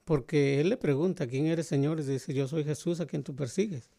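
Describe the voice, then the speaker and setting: Co-host, male, mellow and slightly high, conversational, hunts for words. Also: normal speed, vocal fry. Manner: frequent affirming interjections, searches for words mid-sentence. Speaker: radio Bible program co-host. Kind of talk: Bible discussion chat.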